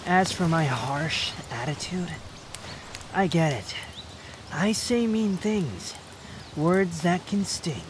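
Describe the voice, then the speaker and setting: A man playing a prideful, sharp-tongued puppet wanderer with a secret fondness, speaking to the listener in a roleplay audio drama, haughty and unhurried. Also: fairly high pitch, animated, background noise. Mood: wry, confessing.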